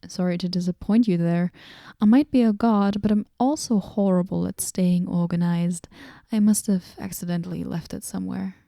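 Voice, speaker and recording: A woman voicing a moody, aloof female goddess in a whispered role-play, talking with dry sarcasm and drifting into soft whispers. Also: lowish voice, fairly even intonation, moderate pace, vocal fry, dry recording.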